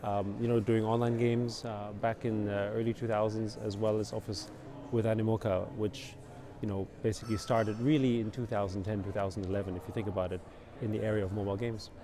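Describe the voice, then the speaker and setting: In a conversational interview outdoors at a busy conference, a middle-aged Austrian company founder answers with a fairly low, brisk voice. He's relaxed and rambling, leaning on fillers like "you know" and "basically," while crowd noise fills the background.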